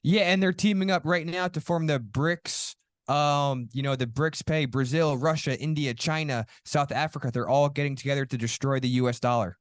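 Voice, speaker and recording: A man's voice: fairly high pitch, steady tone, normal speed, dry recording, studio quality. A man who works in the guest's office, chatting casually on a podcast. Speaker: staff member in the guest's office.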